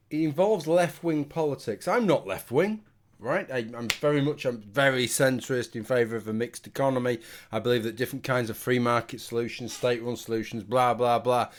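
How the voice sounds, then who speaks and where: A man's voice: mid-range voice, normal speed. Rambling, tipsy British man. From United Kingdom. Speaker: video commentator. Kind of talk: casual rambling opinion monologue.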